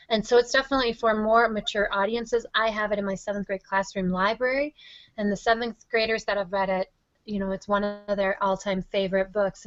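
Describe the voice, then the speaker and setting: A teacher from Wisconsin who founded a reading project gives enthusiastic, effusive, conversational answers as an interview guest. Her medium-pitched voice is a bit bright, recorded with no room sound and the highs cut off.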